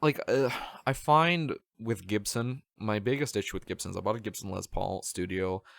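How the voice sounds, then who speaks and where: A man's voice: lowish voice, normal speed, vocal fry, a bit bright, no room sound, clean studio sound. A young man co-hosting a podcast, rambling and swearing in casual chat full of fillers. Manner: chatty, profane, rambling with many fillers. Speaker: podcast co-host.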